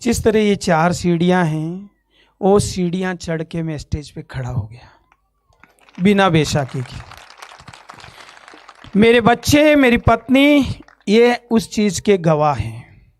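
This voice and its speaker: A man from Ajmer, India, giving a spoken testimony from a church stage, telling his story in an animated way and acting out each voice in it. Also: high voice, takes it slowly, long pauses.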